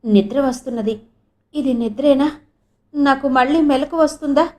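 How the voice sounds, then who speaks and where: A woman's voice: high voice, moderate pace, a little mellow, natural voice. A woman reading an audio novel voices a frail young woman who talks in weak, anxious, pleading questions. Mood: drowsy. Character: frail young woman waking dazed and frightened.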